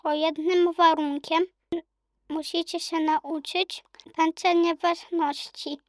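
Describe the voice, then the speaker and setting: A woman's voice: extremely high pitch, flat delivery, slow, no room sound, studio quality. A woman voicing a dashing, courtly male cat with a French accent in a children's audiobook. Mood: gallant. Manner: courtly, grandiose.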